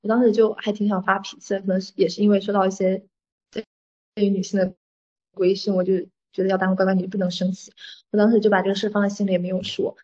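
A young woman with a southern Min, Taiwanese-sounding accent speaks at a middle pitch. She tells personal stories casually, pausing to think and mixing in the odd English word. The recording is slightly dull and band-limited. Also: level tone, warm tone. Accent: southern Min, Taiwanese-sounding Mandarin. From southern Fujian (Minnan), China. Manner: hesitant, reflective, mixes in English words. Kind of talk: personal storytelling in casual conversation.

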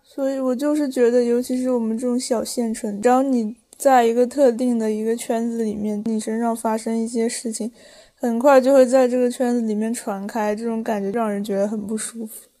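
A young woman co-hosting a podcast, answering in a measured, agreeable way during a casual chat. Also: a little high, little pitch movement, dark tone. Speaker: podcast co-host.

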